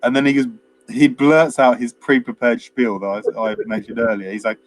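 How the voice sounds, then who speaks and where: A man's voice: medium pitch, level tone, moderate pace. Rambling man chatting about a film. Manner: rambling, many fillers and restarts, acts out quotes. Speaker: film review co-host. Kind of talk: casual chat.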